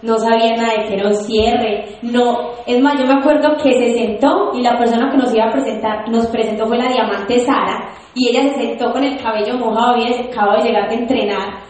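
A young woman giving an animated, emphatic motivational testimony to an audience, telling her story. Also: fairly high pitch, fairly quick. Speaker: network marketing speaker. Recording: echoey hall.

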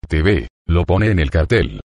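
A man's voice: deep voice, sing-song, measured pace, darkish tone, full character voice. A man reading as a bored young cashier. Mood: bored, giddy. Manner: plain reading of her lines. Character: young woman, bored juice bar cashier.

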